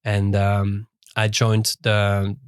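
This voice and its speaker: A man co-hosting a podcast in casual chat, speaking haltingly with many fillers and restarts. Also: on the low side, completely flat delivery, clean tone, dry recording, clean studio sound. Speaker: podcast co-host. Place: dry studio.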